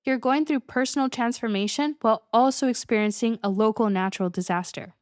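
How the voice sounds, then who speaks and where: Speaking briskly in a higher voice, a young adult woman coach delivers a solo monologue on her podcast. She is upbeat and casual, with frequent small laughs, recorded in clean studio quality without echo.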